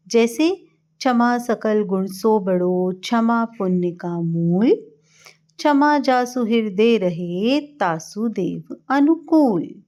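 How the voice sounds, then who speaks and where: A middle-aged woman teaching a grammar lesson to children in a slow, explanatory classroom manner. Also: mid-range voice, mellow, highs cut off.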